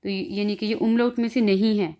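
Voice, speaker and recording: A woman with a Pakistani Urdu accent teaching an online class, speaking slowly and drawing out and repeating each example sound. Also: medium pitch, steady tone, warm tone. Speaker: language teacher. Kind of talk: online class explaining pronunciation.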